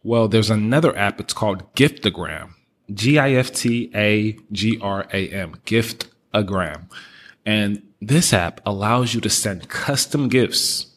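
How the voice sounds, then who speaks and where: A man's voice: lowish voice, takes it slowly, a bit bright. A man hosting a business podcast, upbeat and motivational, talking straight to his listeners. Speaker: podcast host. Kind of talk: casual business podcast talk.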